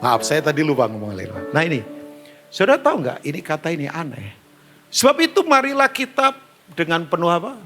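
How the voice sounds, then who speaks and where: A man's voice: a little high, fast talker, music in the background. A middle-aged Indonesian-accented male pastor preaching a storytelling sermon, joking and acting out conversations with his congregation. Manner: animated, joking, acts out dialogue, talks to the band and congregation.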